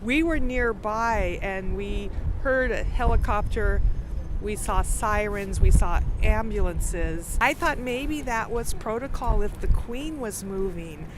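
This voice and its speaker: A woman passer-by being interviewed outdoors on a city street, relaxed and recounting what she saw. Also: medium pitch, slow, noisy background.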